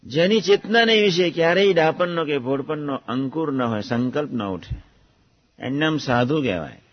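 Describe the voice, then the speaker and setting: A man giving a measured, reflective devotional discourse about a guru's teachings. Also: on the high side, lively intonation. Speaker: religious speaker recounting a guru's teachings. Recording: muffled lo-fi recording.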